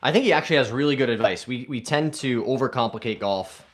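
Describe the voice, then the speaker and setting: A man's voice: medium pitch, fast. A man hosting a golf live stream, casually reading viewer comments aloud and answering them in an upbeat way.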